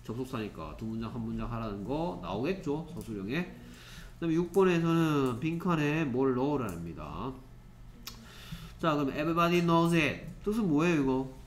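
A male English teacher talks through a lesson in a classroom, and his voice sits at a middle pitch. He reads English sentences slowly and keeps checking whether the students follow. The room echoes, with a faint hum of noise behind him. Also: big pitch swings, darkish tone. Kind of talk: classroom lecture.

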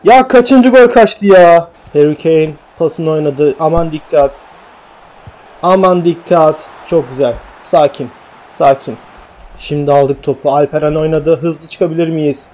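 Excitable high-voiced man commentating a football game. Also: unhurried. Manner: swings from calm narration to shouting at missed chances. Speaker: gaming YouTuber commentating his own match. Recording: faint game music behind.

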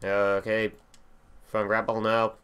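A young man commentating a wrestling video game as he plays, excitable and full of profanity. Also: on the low side, slow, slight background noise. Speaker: gaming channel host. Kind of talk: let's play commentary.

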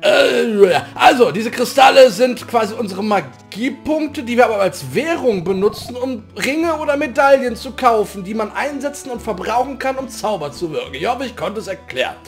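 High-pitched man, lively gameplay commentary. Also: normal speed, few pauses. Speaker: let's player. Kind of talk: casual gameplay commentary with dialogue read aloud. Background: game music.

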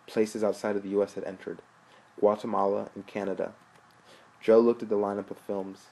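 A man narrating a story aloud in a steady, plain way. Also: on the low side, fairly quick, vocal fry, poor audio. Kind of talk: audiobook narration.

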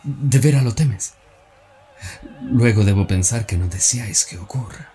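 A man in his forties, voicing the scheming, persuasive Roman senator Cassius, delivers an earnest, insistent radio-drama recitation that stumbles here and there. His fairly low, mellow voice sounds close to everyday speech. Some light background noise is audible as this actor performs his stage monologue.

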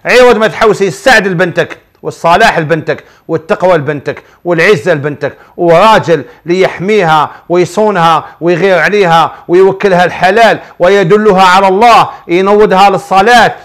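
A man's voice: high-pitched, a bit bright. A man with an Algerian Arabic accent, a sheikh answering viewers' questions on a televised religious advice show and preaching with many rhetorical questions.

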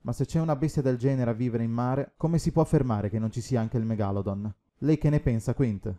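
A man reading the part of an eager, easily excited young marine scientist in an audiobook. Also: mid-range voice, close to an everyday voice. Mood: explaining. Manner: enthusiastic, talks fast with wonder.

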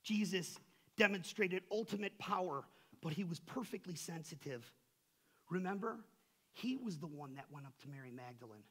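A man preaching a sermon as pastor, swinging from loud emphatic peaks to soft low asides and asking the congregation rhetorical questions. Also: expressive, normal speed, breathy edge.

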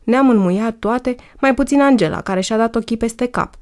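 A woman's voice: a little high, darkish tone. Woman narrating a wry story. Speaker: audiobook narrator. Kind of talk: first-person storytelling.

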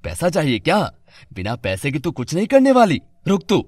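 A man voicing a drunk, abusive young husband in an animated serial, taunting and menacing. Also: fairly high pitch, a little fast, slight background noise.

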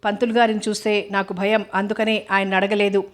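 A woman reading a novel aloud as an audiobook narrator, in a steady, even storytelling read. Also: mid-range voice, a little fast.

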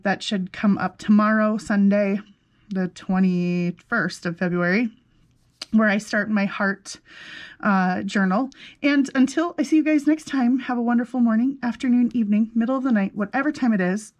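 A woman hosting a crafting vlog, chatting casually in a rambling, effusive and exclamatory way. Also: medium pitch. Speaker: crafting channel host. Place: indoors at a desk with a laptop.

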